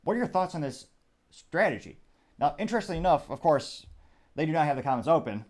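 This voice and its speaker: This male show host offers casual political commentary in a fairly high, slightly mellow voice, talking fast and with plenty of animation. His chatty delivery wanders as he often thinks out loud, slipping in dry, sarcastic remarks along the way.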